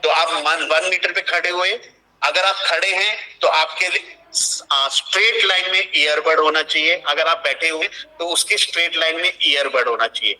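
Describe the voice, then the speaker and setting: A man's voice: fairly high pitch, moderate pace, bright, forceful tone, poor audio. A young man, talking an online team through a task on a video call and restating each instruction. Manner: explanatory, repeats and restates instructions. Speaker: online trainer. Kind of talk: live screen-share training session.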